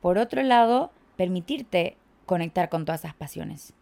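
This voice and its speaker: A woman's voice: lowish voice, animated, normal speed, gravelly, dark tone. A young woman from Chile hosting a podcast, talking casually and reflectively, with lots of filler words. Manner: chatty, reflective, filler-heavy with "como". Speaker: podcast host and coach.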